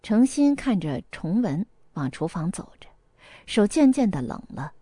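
A woman narrating a novel as a scripted audiobook, with lively storytelling and a light erhua. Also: medium pitch, measured pace, no echo.

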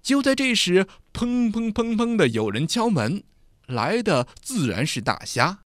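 A man narrating a dramatic story in an expressive, animated way. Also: high-pitched, unhurried, no echo, clean studio sound.

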